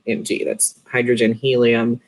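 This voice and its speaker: A high school chemistry teacher giving a recorded video lesson in a casual, offhand way, dropping joking asides. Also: level tone, normal speed.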